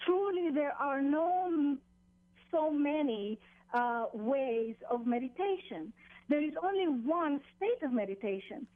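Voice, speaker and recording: A woman with a high voice speaks as a guest teacher over a narrow telephone line. She explains things deliberately, pausing and repeating phrases, with no room echo. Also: animated. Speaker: meditation teacher, phone interview guest. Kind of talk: explanatory radio interview, spiritual instruction. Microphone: phone.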